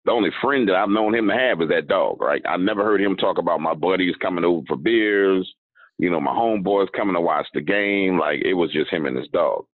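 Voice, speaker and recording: A man, a podcast guest, telling a long story in a relaxed, conversational way, often checking in with "right?". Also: low voice, dry recording. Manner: unhurried storyteller, leaning on "right?" and "um". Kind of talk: casual storytelling. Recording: dry tinny phone-like line.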